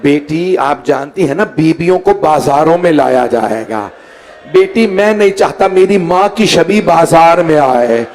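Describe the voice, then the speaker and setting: Brief: male religious scholar, high voice, mourning sermon, impassioned lament rising to wailing shouts. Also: lively intonation, a little slow. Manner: dramatic, voices the pleas of the people in the story. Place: mourning hall with a gathered audience.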